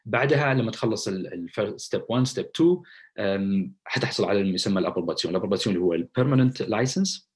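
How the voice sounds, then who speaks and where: A man with a low, husky voice and a Saudi accent gives an informal talk. He explains in a relaxed way, switching between Arabic and English and pausing often on fillers. His delivery is hesitant. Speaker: presenting doctor. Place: Germany.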